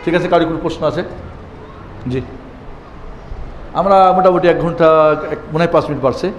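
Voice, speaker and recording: A man teaching Quran reading to a class, asking pointed rhetorical questions and chanting letters and verses in drawn-out tones. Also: fairly high pitch, highs cut off. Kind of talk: classroom lesson. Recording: echoey room with long reverb, faint background noise.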